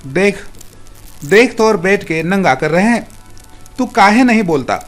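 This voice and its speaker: A man's voice: sits high, animated, unhurried, soft background music. A man voicing a grief-crazed old village father who cries out and begs in rustic dialect. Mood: desperate.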